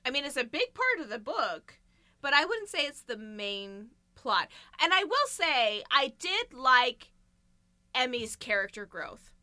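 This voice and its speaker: A woman co-hosts a casual book podcast, her voice bright and ringing and her pitch sitting a bit high. Her speech rises and falls freely, and she laughs easily between points. The sound is dry and close. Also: sing-song, measured pace, no room sound. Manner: chatty, laughs often between thoughts. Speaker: podcast co-host.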